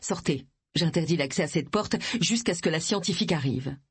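Brief: brisk no-nonsense male cop, read by a woman, curt orders, husky, dry delivery. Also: deep voice, dry recording. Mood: commanding. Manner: curt, commanding. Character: brisk male police detective, calm authority.

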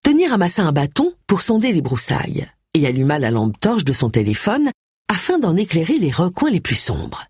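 Brief: expressive narrator, husky tone, lively pitch, dry close sound. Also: normal speed, dry recording. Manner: expressive, varied. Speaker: audiobook narrator. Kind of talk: scripted narration.

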